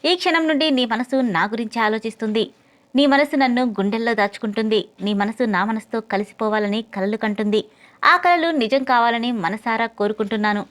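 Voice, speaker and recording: A confident young suitor from an audio novel, voiced by a woman reader in her own fairly high voice. He speaks in a self-assured, possessive, taunting way. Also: normal speed, fairly bright tone, lightly acted. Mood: tender. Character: bold, teasing young man, her suitor.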